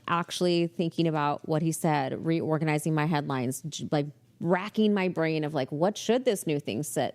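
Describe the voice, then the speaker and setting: A woman hosting a podcast, telling a story in a casual, chatty monologue full of "like" fillers and animated quoting. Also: deep voice. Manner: chatty, heavy use of "like" fillers; animated, quotes people in character. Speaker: podcast host.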